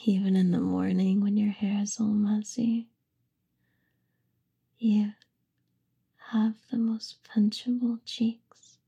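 A woman's voice: medium pitch, level tone, slow pace, vocal fry, pauses often, mellow, husky. A young woman whispering an affectionate, soothing ASMR roleplay. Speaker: ASMR performer.

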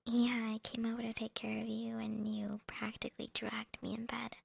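A young woman whispering softly and teasingly into a close microphone, breaking into little laughs, in an ASMR girlfriend roleplay. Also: fairly high pitch, monotone, moderate pace, creaky, slight background noise.

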